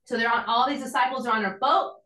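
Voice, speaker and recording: A woman's voice: on the high side, fast talker, bright, forceful tone. Earnest woman in an echoey room. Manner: conversational, earnest, uses casual asides. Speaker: podcast host and church planter. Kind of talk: devotional teaching talk.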